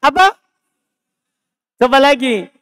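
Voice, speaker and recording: High-voiced Indonesian teacher drilling students, slow. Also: male voice, expressive, a bit bright. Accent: Indonesian, Makassar. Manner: drills students with short repeated prompts. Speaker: Islamic teacher. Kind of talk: live Arabic morphology class. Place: mosque.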